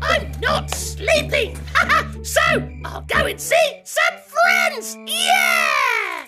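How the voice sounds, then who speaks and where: Maggie, a squeaky giggly cartoon bird. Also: female voice, lively intonation, extremely slow, full character voice. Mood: cheerful. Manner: bubbly, exclaiming. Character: cheerful little magic female bird. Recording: loud cartoon music underneath.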